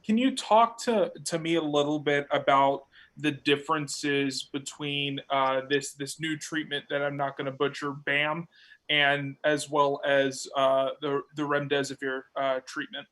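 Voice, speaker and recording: A man, a newspaper reporter, asking questions at a briefing with halting restarts. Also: fairly high pitch, fairly even intonation, fairly bright tone, poor audio. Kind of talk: press conference questions.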